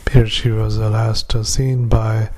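A male doctor dictating notes into a dictaphone at a retirement community, halting with frequent fillers and reading punctuation aloud. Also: fairly low pitch, little pitch movement, a little mellow. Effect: dictaphone recording. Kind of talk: medical dictation.

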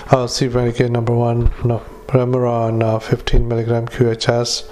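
Male physician, dictaphone recording of clinical notes, utterly flat delivery, frequent hesitations. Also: medium pitch. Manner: flat, halting dictation with many fillers, spells out names. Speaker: doctor. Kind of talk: dictating a medical report into a dictaphone.

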